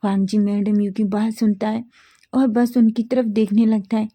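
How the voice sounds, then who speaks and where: A woman's voice: medium pitch, level tone, normal speed, mellow. A woman narrating a fan fiction story in a casual, conversational way.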